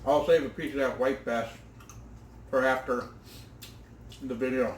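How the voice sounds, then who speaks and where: A man's voice: medium pitch, steady tone, a little slow, echoey room, a little hiss or hum. A man hosting an outdoor cooking vlog, tasting his fried fish with enthusiastic exclamations. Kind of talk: casual eating vlog.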